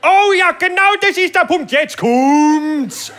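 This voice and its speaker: Ein Mann spielt einen schreienden Pfälzer. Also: male voice, very high voice, lively intonation, slow, over a noisy crowd, very noisy, voice pushed up, full character voice. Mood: ecstatic. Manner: yelling in ecstatic bursts. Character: loud middle-aged Palatinate man moaning in a massage booth.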